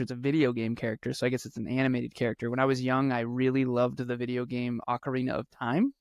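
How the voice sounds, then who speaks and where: A man's voice: mid-range voice, no echo, clean studio sound. Earnest man in his thirties. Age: 30s. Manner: earnest, repeats words for emphasis. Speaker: podcast guest, speaker and coach. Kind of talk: conversational interview storytelling.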